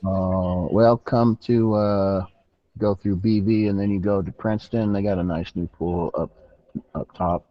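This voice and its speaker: A man co-hosting a podcast, chatting casually in a laid-back, halting way with many fillers. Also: low voice, steady tone, lo-fi sound. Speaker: podcast co-host. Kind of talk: casual chat.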